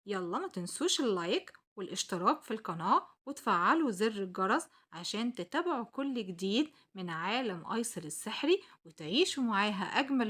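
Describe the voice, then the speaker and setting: A woman's voice: mid-range voice, a bit bright. A woman with an Egyptian accent hosting and telling stories to children in a playful way, asking them questions as she goes. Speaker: children's storyteller and host. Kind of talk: animated children's storytelling.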